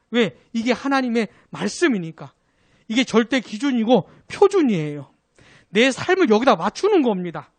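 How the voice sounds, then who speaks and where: Male pastor teaching doctrine, animated pitch, call-and-answer questions to the congregation. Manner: asks the congregation questions, then answers them himself. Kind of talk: Sunday doctrine class teaching.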